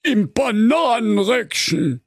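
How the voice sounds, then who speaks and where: A dimwitted fairy-tale brother whines and dawdles in broad Saxon. His voice sits squeaky high with a husky edge and swoops about. It is a close, dry comic audio-story sound. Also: sing-song, slow pace, dry recording, full character voice. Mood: indignant. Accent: Saxon German. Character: bumbling middle-aged male fairy-tale brother, slow-witted.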